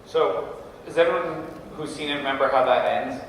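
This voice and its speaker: A man's voice: a little high, normal speed, a bit bright. A middle-aged man giving a conversational talk to parents in a school auditorium, telling stories and checking in with "right?". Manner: storytelling, often checks in with "right?". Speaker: guest speaker at a parents' session. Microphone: distant room mic. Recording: echoey hall from far off, noisy.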